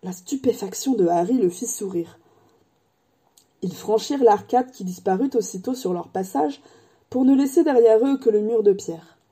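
A woman narrates a storybook at a measured, steady pace. Her voice is very dark and mellow, with a husky, breathy grain. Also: medium pitch. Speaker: audiobook reader.

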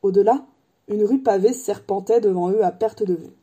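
A woman reading a storybook aloud in a measured, even narrating voice. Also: mid-range voice, husky. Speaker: audiobook reader.

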